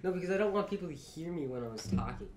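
A man in a casual podcast chat, giving short deadpan answers. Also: fairly high pitch, rapid-fire. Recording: roomy echo with loud crowd behind.

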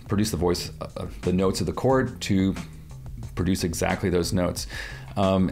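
A middle-aged male presenter with a very low, gravelly voice walks through audio software in a screen-recorded tutorial, calm and methodical with small restarts. Soft music plays beneath him, and he wears a headset-style headphone mic, shown in a webcam inset.

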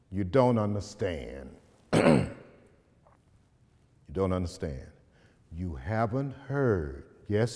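A middle-aged poet and community speaker with a low-sitting voice tells stories and recites spoken-word poetry, using slow, deliberate phrasing and dramatic pauses that rise to loud emphasis in the verse. A distant camera films him indoors in a large, bright hall with tall arched windows, and the big room adds reverb.

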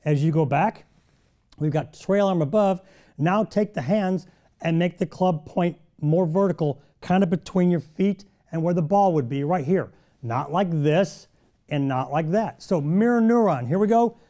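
An energetic middle-aged man teaches golf straight to the camera, his voice pitched high yet mellow in tone. He talks in punchy bursts and throws in sound-effect words as he demonstrates. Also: unhurried. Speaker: golf instructor and show host.

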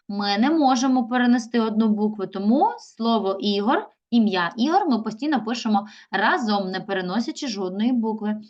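A woman teacher giving a recorded lesson to young children. She reads words aloud and stretches out their syllables slowly. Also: mid-range voice, highs cut off. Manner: slow, drawn-out syllables when sounding out words. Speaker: primary school teacher.

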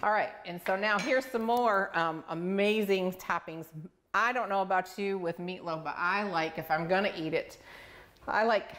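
A woman's voice: medium pitch, moderate pace, a bit bright, a little hiss or hum. A middle-aged woman, playfully chatting while demonstrating a recipe in a home kitchen, on a lapel mic. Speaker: cooking show host. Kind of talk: casual cooking demonstration.

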